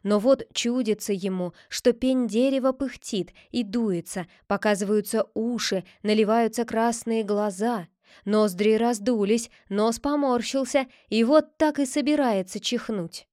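A woman narrating a classic tale in a lively, expressive storytelling reading. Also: on the high side, unhurried, no echo, clean studio sound.

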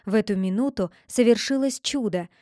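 A woman reads a fairy tale aloud in an even, clear storytelling manner. Her voice is on the high side, and the recording is dry and close. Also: fairly quick, dry recording. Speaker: narrator. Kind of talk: storybook reading.

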